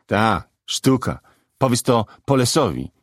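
A man voicing a brash, quarrelsome male guardian angel who taunts the others in a high, pushy voice. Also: huge pitch swings, brisk, vocal fry, slightly rough, dry recording, studio quality, exaggerated voice. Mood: mocking. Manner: shrill, taunting, provoking a fight.

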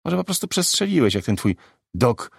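A man's voice: mid-range voice, very animated, moderate pace, creaky, breathy edge, dry recording, studio quality, heavily acted. A man voicing a sardonic male angel at the bar, who mutters his mocking remarks.

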